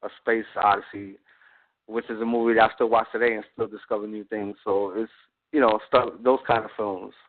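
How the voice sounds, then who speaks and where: Jokey man director over a phone line. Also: fairly low pitch. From born in Puerto Rico, raised in Brooklyn. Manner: lively, jokey, quick to laugh. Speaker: director of a web series. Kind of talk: casual interview chat. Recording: tinny phone-line audio.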